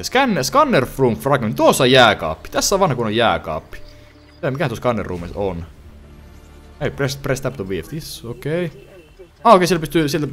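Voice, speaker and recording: A young man commenting casually as he plays a game, thinking aloud with lots of restarts. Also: fairly low pitch. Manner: lively, rambling, thinks aloud with frequent restarts. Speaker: gaming channel host. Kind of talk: let's play commentary.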